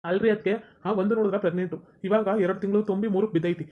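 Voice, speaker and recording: A woman's voice: mid-range voice, fairly even intonation, racing, phone-quality sound, voice pushed down, lightly acted. A woman voicing a quarrelsome young husband who complains in a North Karnataka Kannada accent. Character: young husband Shankar, hotheaded son.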